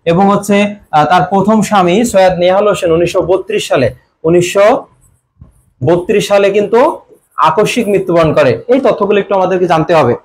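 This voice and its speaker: A man's voice: sits high, fast talker. A young man with a Bangladeshi Bengali accent teaching a live online exam-prep class. He quizzes students with repeated questions, answers them himself and reads out commenters' names. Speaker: admission coaching teacher.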